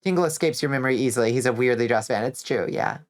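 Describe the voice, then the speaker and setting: Very low-pitched congested woman streamer. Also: fast talker. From Georgia, US. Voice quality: nasal, congested. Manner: chatty, rambling, swears casually, laughs. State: stuffy nose. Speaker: vtuber streamer. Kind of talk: casual chat while gaming, reading chat.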